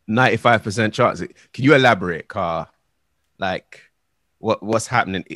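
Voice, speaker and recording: Low-voiced young man, earnest. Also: normal speed, fairly bright tone, no echo, clean studio sound. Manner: earnest, insistent, slangy asides. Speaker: podcast co-host. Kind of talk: casual chat.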